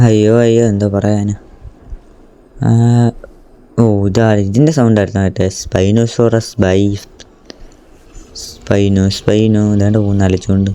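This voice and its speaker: A man with a low, dark voice gives casual commentary over his gameplay. He exclaims often and excitedly, and he keeps speaking directly to his viewers. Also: clean tone. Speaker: gaming YouTuber.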